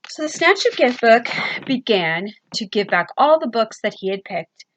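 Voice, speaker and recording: A woman librarian reading a picture book aloud to children, with expressive sing-song storytelling and questions to her young listeners. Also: on the high side, normal speed, dull audio, background noise.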